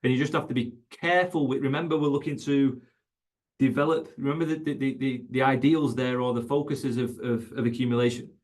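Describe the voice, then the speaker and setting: A man's voice: medium pitch, steady tone, a little fast. A man teaching coaches in an online webinar, emphatic and conversational, repeating his key points. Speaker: fitness coach educator.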